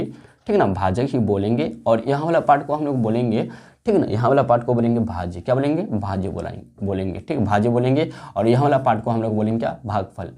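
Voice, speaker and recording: A man's voice: mid-range voice, mellow. A man teaching a maths lesson, asking questions and answering them himself, with a lot of repetition. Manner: asks and answers his own questions, repetitive. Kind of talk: classroom lesson.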